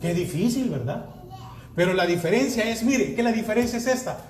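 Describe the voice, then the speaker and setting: A man's voice: sits high, lively intonation, a little fast, a little mellow, echoey room, a little hiss or hum. A man pastor preaching a sermon, reading verses aloud and asking the congregation rhetorical questions.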